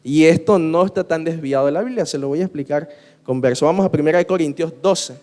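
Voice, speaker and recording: A man's voice: fairly high pitch, quick pace, a little mellow. Male preacher with trouble pronouncing R, echoing hall. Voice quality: cannot pronounce the R properly. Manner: conversational, addresses congregation with rhetorical questions. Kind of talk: sermon with personal anecdotes. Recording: long hall reverb.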